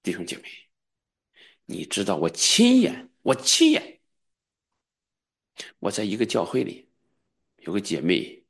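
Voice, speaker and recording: A male pastor delivers a charismatic sermon in a husky, slightly breathy voice. His pitch leaps wildly, dropping to low murmurs before soaring into loud, high cries. In prayer he chants the same commands over and over. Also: huge pitch swings, normal speed, pauses often. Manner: swings between soft low asides and loud high fervent exclamations.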